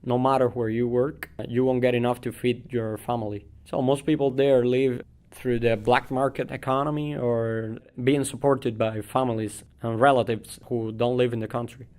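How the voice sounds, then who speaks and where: A man from Cuba, giving a measured, plain-spoken account in a documentary interview. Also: mid-range voice, fairly even intonation, a little mellow, clear, resonant tone. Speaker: asylum seeker interviewee.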